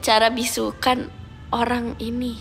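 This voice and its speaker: A young woman from Indonesia with a gravelly, dark-sounding voice, chatting playfully with viewers on a phone livestream. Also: a little high, little pitch movement, measured pace, soft background music. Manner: chatty, playful, drags out words. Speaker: idol livestreamer. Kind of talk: casual livestream chat. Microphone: phone livestream mic.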